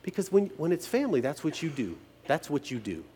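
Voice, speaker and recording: A man's voice: fairly high pitch, a little fast, a little hiss or hum. A man preaching a sermon as pastor, telling stories with emphasis and humor. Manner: animated, emphatic storytelling with humor. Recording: long hall reverb.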